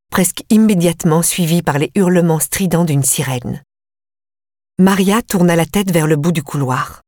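Woman reading a novel in first person, low voice, steady pace, dry close sound. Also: dry recording. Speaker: audiobook narrator.

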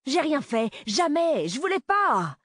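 A woman's voice: big pitch swings, normal speed, dry recording, clean studio sound, lightly acted. A woman voicing a cocky, crude teenage boy in an audiobook reading, brash and vulgar. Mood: panicked pleading. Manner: brash and vulgar, later shrill pleading.

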